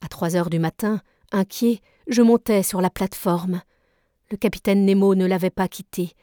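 A woman's voice: medium pitch, dry recording, studio quality. Woman reading a classic novel aloud. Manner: measured, even narration. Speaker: reader. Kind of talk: literary read-aloud.

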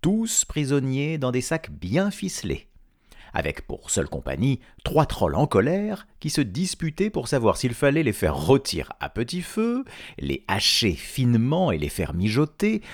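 Brief: male storybook narrator, low-pitched and husky, with very animated pitch. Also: moderate pace. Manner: lively, dramatic storytelling.

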